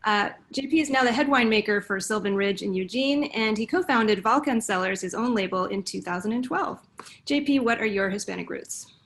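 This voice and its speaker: A woman's voice: medium pitch, fairly quick, fairly bright tone. A woman moderating a virtual panel, introducing each guest in an upbeat way.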